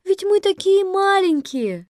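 A tiny, timid fairy-tale girl, speaking in a very high, plaintive voice. The audio story is recorded close and dry. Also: animated, normal speed, dry recording. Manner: plaintive, tearful.

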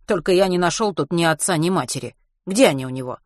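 A brusque, greying middle-aged male doctor, as a woman narrator puts him on. He talks loudly, briskly and offhandedly. Lowish, dry audiobook voice. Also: animated, dry recording, close to an everyday voice. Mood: sheepish.

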